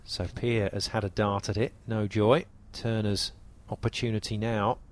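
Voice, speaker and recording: A man's voice: fairly low pitch, level tone, normal speed. A man commentating on a golf tournament, summing up the state of play.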